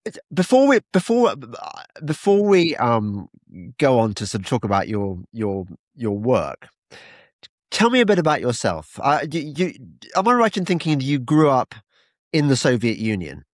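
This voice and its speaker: A man's voice: mid-range voice, very animated, moderate pace, no room sound, clean studio sound. Stammering older male interviewer. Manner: stumbling, repeating words as he starts questions. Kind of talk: interview questions.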